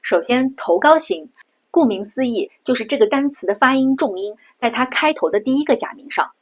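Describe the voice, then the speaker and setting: A middle-aged woman from China explains pronunciation step by step, repeating each sound patiently. Her voice sits slightly high and has a husky, breathy edge. She talks like a teacher guiding beginners. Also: expressive. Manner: patient, demonstrating sounds slowly and repeating them. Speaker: Japanese language teacher. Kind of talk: pronunciation lesson.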